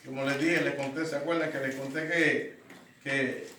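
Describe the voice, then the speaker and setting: A man's voice: mid-range voice, fairly even intonation, moderate pace, pushed and bright. A middle-aged man, a pastor teaching a Bible study in a conversational way with rhetorical questions and frequent restarts. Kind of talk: Bible study lesson with personal testimony. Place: church classroom. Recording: roomy, distant mic, faint noise.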